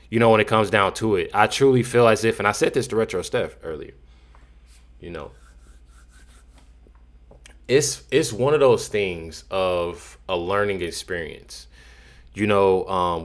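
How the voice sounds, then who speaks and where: A man's voice: lowish voice, fairly bright tone. A man giving casual, unscripted commentary in a rambling, repetitive way, leaning often on filler phrases. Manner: rambling, repeats himself, frequent "you know". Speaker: commentator reacting to news clips.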